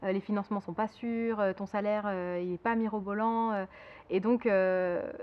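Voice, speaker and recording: A woman's voice: medium pitch, steady tone, normal speed, clear, resonant tone, lo-fi sound. A woman in her twenties from Belgium, director of a sexual health association, answering interview questions with many fillers and restarts. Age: 20s.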